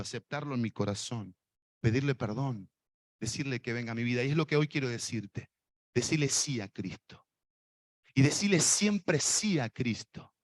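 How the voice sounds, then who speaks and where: A man's voice: mid-range voice, no echo. A man with a Rioplatense Spanish accent preaching an evangelistic sermon and leading listeners in prayer, with fervent, repeated appeals spoken straight to them. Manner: fervent, repetitive appeals, speaks directly to listeners.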